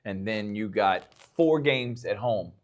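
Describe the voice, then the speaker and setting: A man's voice: on the low side, lively intonation, takes it slowly. An American man hosting a local sports interview show, chatty and encouraging as he builds up long questions.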